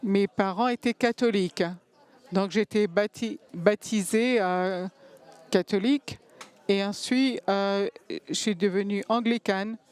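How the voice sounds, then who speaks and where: A woman giving a simultaneous interpretation of a panel talk, halting and pausing to find words. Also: medium pitch, a little mellow, smooth.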